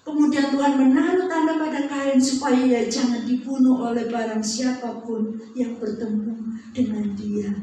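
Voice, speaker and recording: A woman's voice: sits high, fairly even intonation, normal speed, warm tone, a little hiss or hum. A woman preacher reading Bible verses aloud and acting them out with scorn. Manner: dramatic, acts out the verses with scorn. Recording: very echoey room, heard from a distance.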